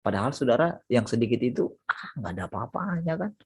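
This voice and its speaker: A man preaching a sermon on a video call, his husky voice at a middling pitch. He preaches animatedly, jumping up high and loud to stress a point, then sinking into low, soft reflection. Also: very animated, fast.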